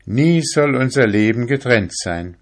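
Guy voicing a young fisher in love, eager and pleading, higher and louder than his narration. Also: animated, takes it slowly, heavily acted. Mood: eager, excited.

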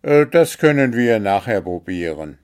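A man's voice: on the low side, big pitch swings, a little slow, a little mellow, smooth. A man voicing a fussy, easily exasperated male kobold in a storybook. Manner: exasperated, grumbling. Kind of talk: storybook character voice.

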